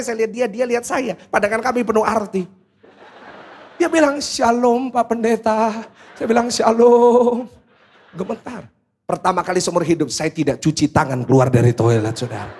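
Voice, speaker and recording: A pastor preaching a humorous, storytelling sermon to a large church congregation, speaking directly to the listeners. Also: male voice, extremely high pitch, a bit bright, breathy edge.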